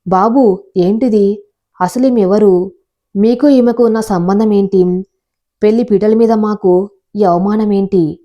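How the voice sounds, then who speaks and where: A woman's voice: mid-range voice, fairly even intonation, unhurried, pauses often, dark tone, highs cut off, natural voice. A woman voicing a stern older father figure who demands answers. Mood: indignant.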